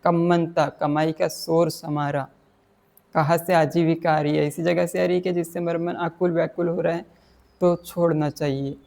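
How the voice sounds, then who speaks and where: A man's voice: on the high side, little pitch movement, moderate pace, gravelly, darkish tone. A man giving a dhamma talk, explaining Pali verses in plain words and mixing in English terms. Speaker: Buddhist dhamma teacher.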